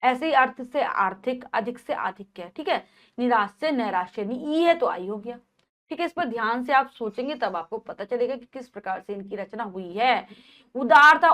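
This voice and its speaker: Woman teacher reading out word lists. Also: a little high. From India. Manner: reads word lists in a steady rhythm, pausing to explain. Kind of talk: reading out a grammar lesson.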